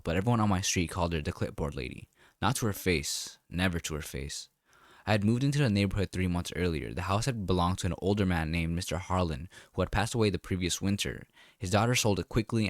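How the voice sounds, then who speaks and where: A man narrating a first-person story in a calm, wry, deliberate way. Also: low-pitched, no room sound, clean studio sound.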